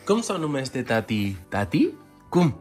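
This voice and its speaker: Mexican Spanish-accented woman using lively, swooping baby talk; low base voice, coaxing tone. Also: normal speed, soft background music. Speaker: vlogger and mother.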